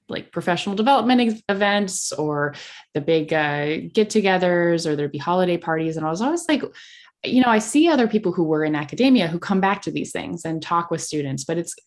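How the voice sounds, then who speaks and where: A young adult woman speaking as a podcast guest in candid conversation, blunt and impassioned. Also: on the low side.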